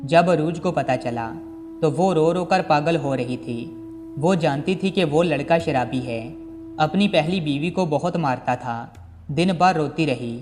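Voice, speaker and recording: A male storyteller with a somewhat high voice reads a moral tale in a solemn, moralizing manner. His narration rings in a long reverb, with music playing underneath. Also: a little slow, darkish tone.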